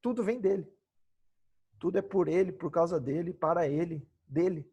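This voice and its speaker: Out in his backyard, a man with a Brazilian Portuguese accent delivers a youth devotional Bible lesson, emphatic and full of self-answered rhetorical questions. His voice is high, mellow and husky with vocal fry, at normal speed, and the recording's highs are cut off.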